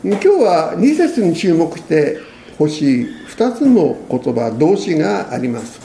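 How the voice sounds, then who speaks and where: Male pastor, conversational sermon, gravelly, slightly high voice, echoey room. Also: sing-song, slow, dark tone, a little hiss or hum. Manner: conversational preaching, frequent tag questions.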